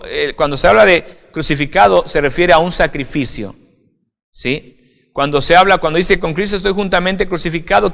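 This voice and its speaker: A man's voice: a little high, gravelly, a bit bright. A male pastor preaching an informal video sermon in a slightly raised voice. He talks conversationally, addressing the listener directly and tagging on little check-ins. The sound carries a long hall reverb. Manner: conversational, often adds "right?", addresses listener as "usted".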